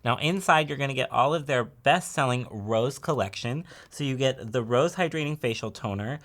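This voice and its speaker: An American man with a medium-pitched voice presents beauty products as a co-host. His delivery is informal and effusive, like a casual chat with viewers. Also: moderate pace, fairly bright tone. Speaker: beauty director co-hosting a gift guide.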